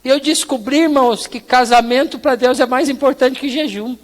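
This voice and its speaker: A man's voice: extremely high pitch, normal speed. A man with a Brazilian Portuguese accent preaching a sermon, telling a personal story with acted-out dialogue. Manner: animated storytelling, acts out dialogue with God and his wife. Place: large church hall. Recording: reverberant church hall.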